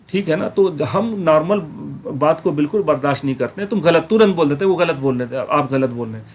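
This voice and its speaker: A man teaching a Quran grammar class, explaining patiently, checking in with his students and slowly repeating words to show how they are said. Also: a little high, expressive, a little hiss or hum. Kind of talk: online class lecture.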